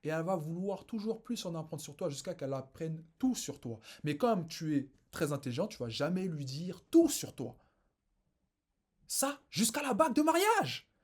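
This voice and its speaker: A man coaching casually, emphatic, with big swings of pitch and repeated phrases. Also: animated, moderate pace, hardly any pauses, mellow, husky. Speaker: dating coach. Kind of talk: casual street coaching advice.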